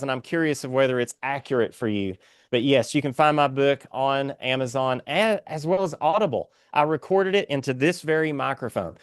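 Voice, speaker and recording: A man's voice: fairly high pitch, clean tone, dry recording, clean studio sound. A man with an Appalachian accent speaking as a guest author in an earnest, inspirational interview, exhorting like a preacher.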